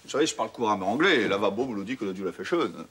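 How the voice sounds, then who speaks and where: A man's voice: on the low side, animated, very fast, very noisy, close to an everyday voice. An actor playing a boastful man who mixes English into broken French and flirts in a smarmy way, in a sitcom. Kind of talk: sitcom acting.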